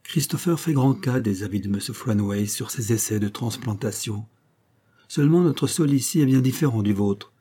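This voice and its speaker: A man reading a polite, evasive spinster lady of the house in an audiobook, lifting his voice into bright, chatty, formal talk. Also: medium pitch, normal speed, husky, lightly acted. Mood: gracious chatter.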